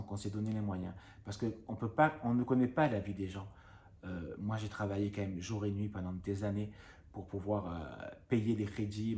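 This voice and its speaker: Man, thirties, low voice, fast rambling vlog rant, echoey room. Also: a little mellow. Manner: fast-talking, rambling with many fillers. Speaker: YouTuber.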